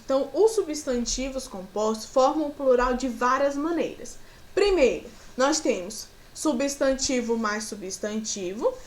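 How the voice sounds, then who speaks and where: A woman from Brazil teaching a grammar lesson to children, patiently giving examples and asking her pupils questions. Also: sits high.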